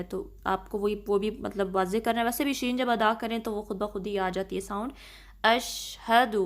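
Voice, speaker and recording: A woman with a Pakistani Urdu accent teaching Quran recitation in a slow, patient lesson, drawing out sounds and often checking "okay?". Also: a little high. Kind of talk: slow explanatory tajweed lesson.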